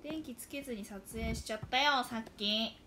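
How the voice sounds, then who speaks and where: The audio is very noisy in this casual livestream, where a young woman in her twenties with a Hakata dialect accent animatedly talks to viewers and reads comments. She speaks at a normal speed in a slightly high voice.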